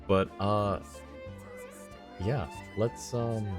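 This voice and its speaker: Speaking very slowly in a fairly low, level voice, a man thinks aloud during a gaming livestream. His chat is relaxed and wandering, backed by the game's music.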